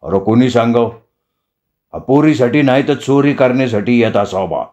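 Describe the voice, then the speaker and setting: A man's voice: medium pitch, moderate pace, dark tone, highs cut off, close to an everyday voice. A man voicing a suspicious village man who needles and accuses a stranger. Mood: accusing.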